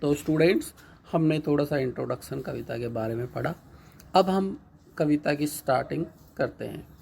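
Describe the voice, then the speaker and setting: A male teacher giving a patient, repetitive lecture, reading each line of an English poem slowly and then explaining it in Hindi. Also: on the high side, gravelly, darkish tone, a little hiss or hum.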